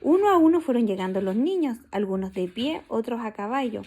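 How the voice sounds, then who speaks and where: A woman's voice: fairly high pitch, lively intonation, fairly quick, warm tone. A woman teacher with a Chilean accent, reading a story aloud in an online lesson and explaining new words with simple examples. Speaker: primary school teacher.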